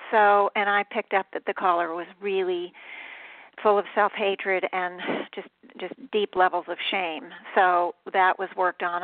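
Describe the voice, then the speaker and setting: A woman's voice: lowish voice, gravelly, no echo. A woman radio host talking over the phone in a chatty, rambling way, often correcting herself. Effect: calling in over the phone. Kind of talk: casual spoken monologue. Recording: tinny dry phone line.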